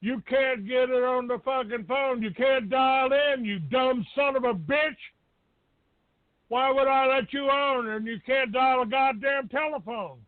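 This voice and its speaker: A man with a very high-pitched, slightly slow voice hosts a live call-in show, abrasive, combative and foul-mouthed. The audio is dry and tinny, like a phone line, with no room sound.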